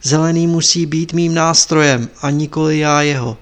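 A man's voice: fairly high pitch, fairly even intonation, natural voice. A man reading as a fierce young apprentice magician. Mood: defiant. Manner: angry, determined.

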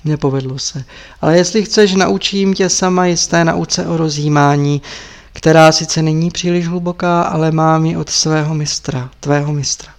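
A man's voice: on the high side, steady tone, close to an everyday voice. A man playing pleading older woman, kindly, lamenting, storybook voice. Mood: gentle.

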